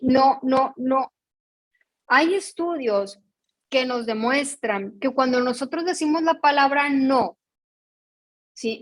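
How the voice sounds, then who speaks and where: A woman with a Mexican accent leading an emotional education workshop, explaining patiently and often checking in with her audience. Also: high-pitched. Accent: Mexican Spanish. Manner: explanatory, asks the audience frequent checking questions; reads out picture dialogues in a storytelling tone. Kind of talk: online workshop talk.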